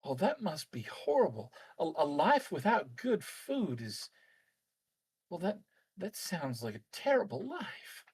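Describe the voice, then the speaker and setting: A man's voice: on the high side, huge pitch swings, a little slow, a little mellow, slightly rough, voice pushed up, exaggerated voice. A man voicing a kindly, motherly female innkeeper with a folksy, chatty manner in a tabletop game. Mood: friendly, pitying.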